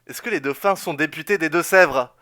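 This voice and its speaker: A man reading a role and narration in a comic fan-fiction reading, dry and deadpan. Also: fairly high pitch, moderate pace, dry recording.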